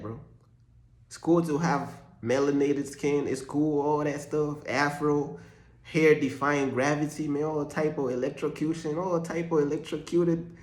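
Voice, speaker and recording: In this laid-back faith vlog, a young man from Uganda blends humor and preaching in slangy, loose talk. His slightly high, somewhat mellow voice echoes around the room as he delivers a monologue.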